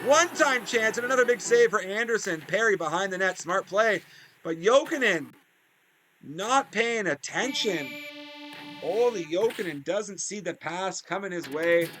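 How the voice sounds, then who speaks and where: A man giving excited play-by-play commentary on a video game hockey league, his voice jumping up on big plays and drifting into chatty asides. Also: a little slow, soft background music. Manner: rises sharply in pitch and volume on big plays, chatty asides.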